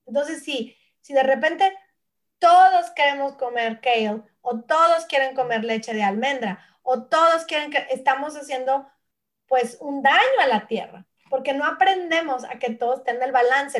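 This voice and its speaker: Woman, forties, from Mexico, high voice, animated storyteller, casual interview guest. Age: 40s. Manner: animated storyteller who acts out family voices. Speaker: guest, nutritionist and brand founder. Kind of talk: casual conversation.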